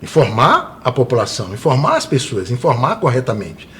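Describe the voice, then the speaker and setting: A man's voice: medium pitch, very animated, brisk, fairly bright tone, a little hiss or hum. A man from Brazil, a tour guide, speaking earnestly as an interview guest and often adding tag questions.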